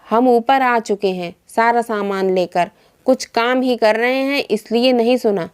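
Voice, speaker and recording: A woman's voice: a little high, measured pace, a little mellow, clear, resonant tone, lightly acted. A woman voicing a curt, scornful daughter-in-law. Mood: irritated. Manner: curt and dismissive.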